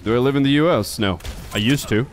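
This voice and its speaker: Here the native-Swedish young streamer talks fast in a mid-range voice, faint music in the background. He chats casually and bluntly with his viewers while playing, swearing plenty and addressing chat directly.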